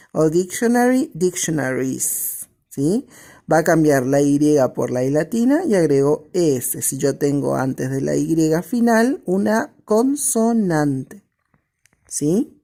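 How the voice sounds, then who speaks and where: A woman teaching, speaking slowly with a lively, rising and falling pitch. Her low, mellow voice reads English examples and translates them, and she keeps checking that her students follow. Her patient classroom explanations come in small, deliberate steps. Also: vocal fry. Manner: slow, patient, checks in with constant "¿sí?". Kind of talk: recorded online class explaining grammar.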